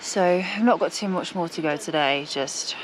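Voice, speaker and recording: A woman's voice: on the low side, moderate pace, crowd noise. A young woman vlogging to a handheld camera on a mountain trail, tired and short of breath, chatty and encouraging herself along. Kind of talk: casual vlog talk to camera while hiking.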